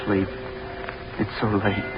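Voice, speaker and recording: An actor playing an earnest, obsessive, rejected young college student, hesitant and intense, in a 1930s radio drama. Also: male voice, medium pitch, animated, brisk, music in the background, close to an everyday voice. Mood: tormented. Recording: dull, very noisy 1930s radio recording.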